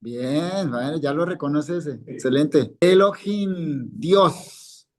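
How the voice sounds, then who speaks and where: A man's voice: fairly high pitch, animated, takes it slowly, darkish tone. A male Hebrew teacher, giving a live classroom lesson and patiently quizzing students by name, repeating each word. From Colombia.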